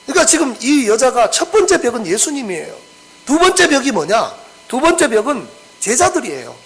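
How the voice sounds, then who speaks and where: A man's voice: very high-pitched, wildly swooping pitch, brisk, fairly bright tone, poor audio. A pastor preaching an expository sermon. He acts out the scripture quotes and keeps asking the congregation questions.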